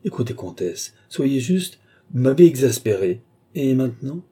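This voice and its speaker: A man voicing a weary middle-aged king who speaks in a placating, gently reproachful way. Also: medium pitch, big pitch swings, moderate pace, husky.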